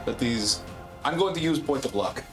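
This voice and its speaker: A man's voice: mid-range voice, lively intonation, moderate pace, music in the background. A man playing a tabletop game, working through his dice rolls and rules step by step. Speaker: player.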